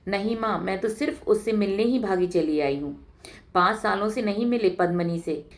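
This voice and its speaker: A woman's voice: medium pitch, moderate pace, close to an everyday voice. A woman voicing an eager, spirited young married village woman in a read-aloud story.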